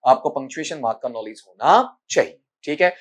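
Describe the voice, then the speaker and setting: A man's voice: mid-range voice, lively intonation. A man with a Rajasthani Hindi accent teaching English for exams, scolding students and drilling sounds. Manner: scolding, repeatedly asks "ठीक है?" and calls students "बेटा"; spells out sounds slowly and repeats words for drilling. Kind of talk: exam-prep lesson answering student questions.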